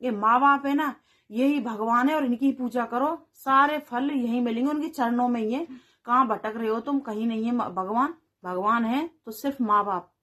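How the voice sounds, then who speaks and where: A woman's voice: a little high, normal speed, fairly bright tone. A woman vlogger giving earnest moral advice to camera, repeating phrases for emphasis.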